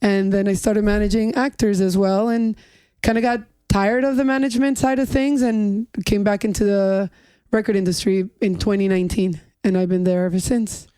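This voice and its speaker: A woman's voice: medium pitch, fairly even intonation, moderate pace, warm tone, clean tone, dry recording. A middle-aged woman from New York, chatting casually as a podcast guest and joking about her age. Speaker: music executive guest.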